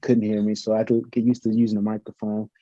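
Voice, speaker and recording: Speaking fast in a low, mellow monotone, this middle-aged professor fields podcast interview questions in an earnest, thoughtful way full of filler words. The recording has no echo but sounds muffled and low-fidelity.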